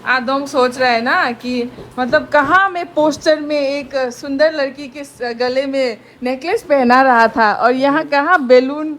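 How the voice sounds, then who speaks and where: Slow-talking playful woman vlogger. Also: high-pitched, poor audio. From Tripura, India. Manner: playful, joking narration to camera. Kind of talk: casual vlog chat. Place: indoors at a busy birthday party. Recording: lively crowd noise behind.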